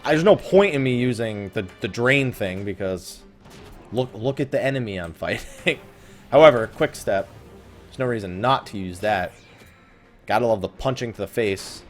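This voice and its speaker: The host of a let's play series, a man with a lowish voice, talks through a video game at a moderate pace in an animated way. His casual commentary is sprinkled with swearing and sarcastic complaints over soft background music.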